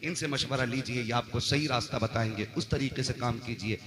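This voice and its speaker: A man's voice: mid-range voice, a little fast. Echoey man preaching to a crowd. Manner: exhorting, checks often for audience agreement. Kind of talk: sermon addressed to a congregation. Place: large religious gathering, on microphone. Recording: echoey PA hall, crowd behind.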